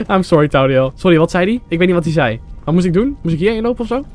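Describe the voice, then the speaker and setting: A young Dutch man casually commentating his gameplay for viewers, excitable and chatty, often tossing in English phrases. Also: sits high, quick pace, faint music behind. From Netherlands. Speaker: gaming YouTuber. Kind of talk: Let's Play commentary.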